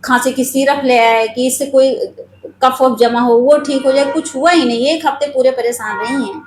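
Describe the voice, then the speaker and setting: A woman's voice: high-pitched, steady tone, moderate pace, roomy sound, background noise. A woman telling her own spiritual story in an earnest, confiding way, speaking straight to her viewers.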